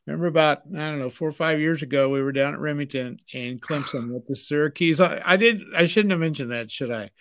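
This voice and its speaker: A retired man in his sixties co-hosting a casual sports chat. He tells stories in a relaxed, easily amused way. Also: on the high side, fast, hardly any pauses. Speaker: co-host.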